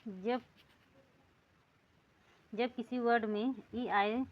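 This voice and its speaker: A woman teaching English reading rules, saying words one at a time and repeating them slowly. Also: on the high side, fairly even intonation, muffled recording. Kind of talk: lesson.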